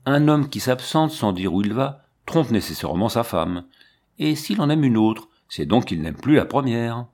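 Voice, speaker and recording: A man narrating a classic story as an audiobook reader, in a measured way. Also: mid-range voice, sing-song, darkish tone. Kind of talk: scripted literary narration.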